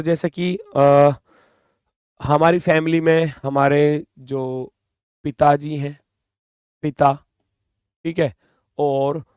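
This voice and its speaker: A man with a Hindi accent teaches a reasoning class for exam aspirants, talking straight to his students. His voice sits a little high, and he repeats each point in a coaxing, chatty way. The sound is close and dry, with no room around it. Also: darkish tone, no room sound. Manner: repetitive, coaxing, addresses students as bhai and beta. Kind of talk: exam-prep class lecture.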